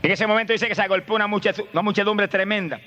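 A man preaching a fervent sermon, swinging from low murmurs to high shouted praise. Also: steady tone, rapid-fire, muffled recording.

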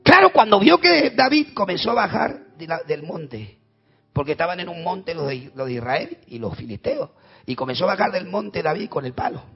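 A man with an Argentine accent preaching a sermon, telling stories dramatically and swinging between loud and quiet. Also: high-pitched, big pitch swings, moderate pace, vocal fry, breathy edge, muffled recording, soft background music. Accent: Argentine Spanish. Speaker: pastor.

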